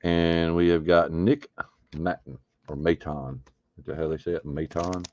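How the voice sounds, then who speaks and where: A man's voice: sits low, little pitch movement, brisk, highs cut off, noisy background. A man hosting a live card break, chatting casually and thinking aloud as he opens packs. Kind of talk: casual live stream chat.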